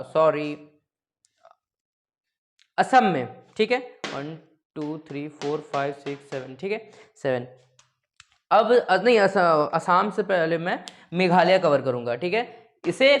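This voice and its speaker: Slow, joking Hindi-speaking male teacher. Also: high-pitched. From India. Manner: playful, full of joking memory tricks; often checks in with "okay?". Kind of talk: classroom geography lesson.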